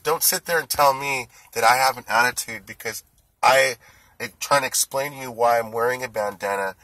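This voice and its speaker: A man's voice: mid-range voice, moderate pace, pushed and bright, dry recording, rough recording. Indignant man in his forties, tense voice. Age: 40s. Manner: indignant, ranting, rising heat. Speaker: food delivery driver. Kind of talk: angry monologue to camera.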